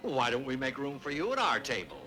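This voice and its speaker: A man's voice: medium pitch, very animated, brisk, close to an everyday voice, poor audio. An actor playing a fussy older neighbor, genteel and easily flustered, hemming as he talks. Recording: old TV soundtrack with music behind.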